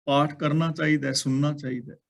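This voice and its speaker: A man explaining scripture. He recites each verse line slowly and drawn out, then explains it word by word. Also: fairly high pitch, flat delivery, creaky. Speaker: scripture teacher.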